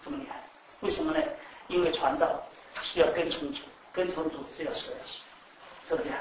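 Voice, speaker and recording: A man preaching to a class, animated, repeating words and quizzing the audience. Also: fairly high pitch, quick pace, creaky, slight background noise. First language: Chinese. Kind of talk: sermon to a class. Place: teaching room with live audience. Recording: echoey room, mic at a distance.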